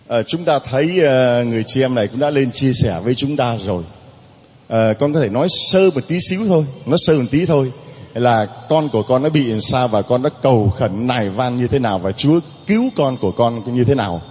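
Emphatic, husky-voiced male priest. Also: mid-range voice, animated, fairly quick, long reverb tail. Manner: dramatic, emphatic, rhetorical questions. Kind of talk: sermon. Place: church.

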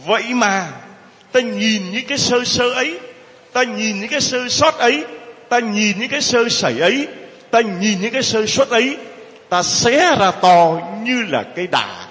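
A man preaching a sermon to a congregation, lively and conversational, acting out gossiping people in mocking voices. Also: high-pitched, normal speed, big-room sound. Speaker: priest.

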